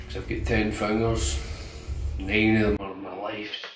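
A melodramatic wrestler acted by a man delivers a vengeful wrestling promo. He speaks very slowly with theatrical pauses. The sound is echoey and off the mic, with faint music behind. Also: fairly low pitch, flat delivery, recorded from a distance, natural voice. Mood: brooding menace. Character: aggrieved, melodramatic male wrestler vowing revenge.

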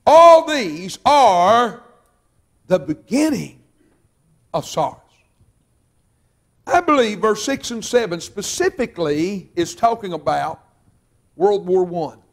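A man preaching a revival sermon, fervent and drawn out, sometimes shouting. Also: sits high, sing-song, gravelly. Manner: fervent, shouting at peaks, drawn-out emphatic phrases. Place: church sanctuary.

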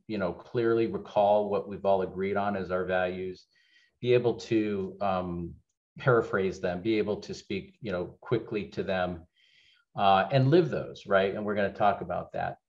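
A middle-aged man with a very low, slightly mellow voice gives a webinar keynote over a webcam from his office. The legal executive speaks candidly and conversationally, pausing on fillers and restarting phrases, and the call audio sounds dull and lo-fi.

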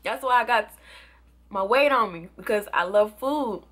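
A young woman reviewing products in a casual, excitable vlog, sometimes talking with food in her mouth. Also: a little high, normal speed. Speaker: beauty and product vlogger.

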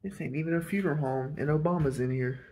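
Talking fast in a fairly high, creaky, mellow voice, this man plays the eager tour guide through an abandoned old house. The casual walkthrough, captured on a handheld camera mic, has a bit of background noise.

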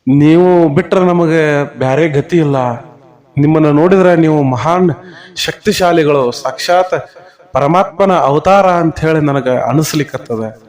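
A man's voice: a little high, unhurried, darkish tone, lightly acted. A man doing a grieving husband begging. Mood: pleading. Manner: pleading, emotional.

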